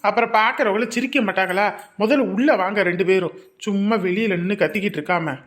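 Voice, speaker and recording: A woman's voice: medium pitch, fast, voice pushed down, natural voice. A woman voicing a meek, put-upon young village husband in a comedy skit. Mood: placating.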